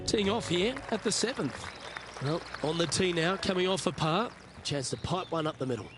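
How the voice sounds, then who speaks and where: A man playing a composed golf commentator in a video game, calling play in measured, understated short phrases. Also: fairly high pitch, expressive, close to an everyday voice. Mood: composed, approving. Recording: loud music and crowd behind. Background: music, outdoor crowd ambience.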